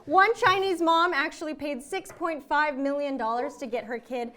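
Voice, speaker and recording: Sassy high-voiced woman news host. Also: normal speed, pushed and bright. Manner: sassy, punchy, laughing between jokes. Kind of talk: scripted comedy news delivery.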